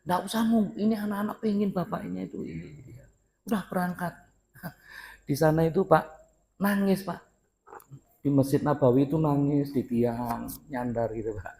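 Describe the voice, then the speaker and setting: A man's voice: a little high, a little mellow, slight background noise. A middle-aged man giving an informal dawn sermon in a mosque, telling a story with frequent laughs and addressing the listeners as "Pak".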